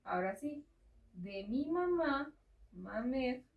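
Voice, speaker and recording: Patient woman tutoring slowly in a roomy space. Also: sits high, big pitch swings, muffled recording. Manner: patient, reassuring, checks in with "ok?". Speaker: informal French tutor. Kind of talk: slow step-by-step home lesson. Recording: roomy sound, far from the mic.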